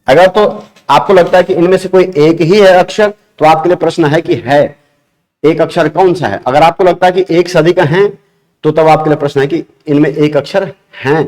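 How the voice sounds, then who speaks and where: A man's voice: on the high side, moderate pace, darkish tone. A man with an Uttarakhand accent teaching an exam-prep grammar lesson. He explains step by step, repeats key terms and asks the class questions while he writes on a board.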